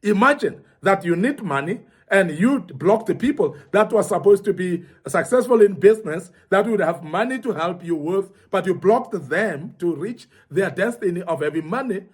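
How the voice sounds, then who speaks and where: A man's voice: high voice, animated, moderate pace, hardly any pauses, breathy edge. A middle-aged man giving an earnest motivational teaching talk to young men, repeating points for emphasis. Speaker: speaker at a young men's forum.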